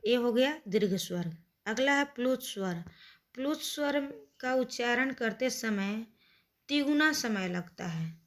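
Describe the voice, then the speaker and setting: A woman's voice: fairly high pitch, expressive. A woman teaching young children in an online lesson, patiently spelling out letters one by one. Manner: slow, patient, recites letters aloud one by one.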